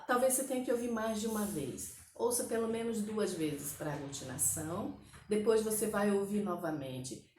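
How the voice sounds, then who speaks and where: Brazilian woman teacher, patient step-by-step explainer, mid pitch, roomy echo. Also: darkish tone, a little hiss or hum. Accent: Brazilian Portuguese. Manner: patient step-by-step explaining with frequent "né?" and "ok?" check-ins. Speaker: English teacher. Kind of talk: online language lesson. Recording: echoey room.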